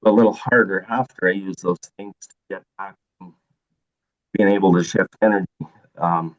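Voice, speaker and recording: A man's voice: low voice, steady tone, normal speed. A man calling in with a hesitant question, full of ums and likes, his voice coming through a call signal that keeps breaking up. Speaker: caller. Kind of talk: casual question to a guest. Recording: muffled lo-fi call line.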